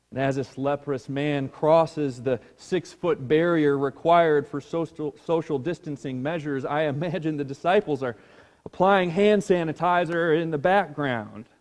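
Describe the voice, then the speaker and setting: A man preaching a sermon as a pastor, slow and hushed, sinking almost to a whisper on key words. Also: on the high side, long reverb tail. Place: church sanctuary.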